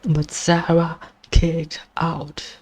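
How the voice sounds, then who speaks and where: A man doing play-by-play commentary on a wrestling video game, excitable and exclaiming at surprises, his voice strained and going hoarse. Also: fairly high pitch, extremely slow. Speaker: gaming channel host doing commentary.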